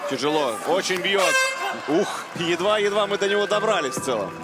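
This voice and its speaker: A man's voice: high voice, lively intonation, normal speed. A man giving analytical live commentary as co-commentator on a mixed martial arts fight. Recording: very loud crowd and music behind. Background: roaring crowd and arena music.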